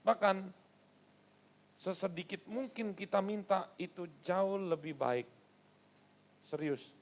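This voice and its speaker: Man, pastor, high voice, gravelly, animated sermon storytelling. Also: slow. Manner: animated storytelling with acted quotes and rhetorical questions.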